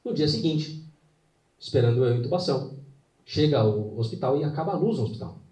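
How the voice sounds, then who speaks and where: Casting: earnest male faith speaker, mellow tone, echoey hall, mic at a distance. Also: medium pitch, animated. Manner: earnest storytelling with dramatic pauses. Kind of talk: live inspirational talk. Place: hall with an audience.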